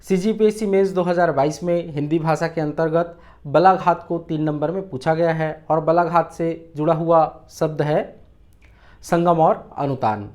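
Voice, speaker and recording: A man's voice: on the high side, fairly even intonation, measured pace, darkish tone. A male teacher delivers an exam-prep lecture. He walks through each point patiently. He poses rhetorical questions to the class and answers them himself.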